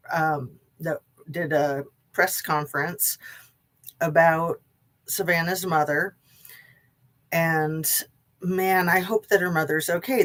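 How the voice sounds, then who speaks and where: A woman's voice: fairly low pitch, a bit bright. A woman hosting a casual live true crime stream, chatting to viewers in a rambling way, her diction slightly impeded by braces and wax in her mouth.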